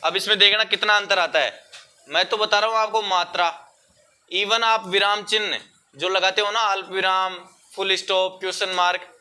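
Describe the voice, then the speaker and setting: Teaching Hindi to a class of schoolchildren, a young man explains with patience, addresses the kids as "beta," and slips English words into his speech. He has a high, pushed, bright voice that is smooth, with fairly even intonation at a moderate pace.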